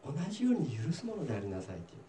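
A man preaching a sermon as pastor, telling a parable in a lively storytelling way. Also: medium pitch, racing, reverberant, recorded from a distance, a little hiss or hum. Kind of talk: sermon with English interpretation.

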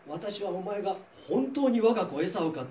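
A man's voice: sits high, lively intonation, moderate pace, warm tone, distant mic, voice pushed up. A man reading the lines of an old blind father who is doubtful and later shaken. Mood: solemn. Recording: roomy, voice from off-mic, faint noise.

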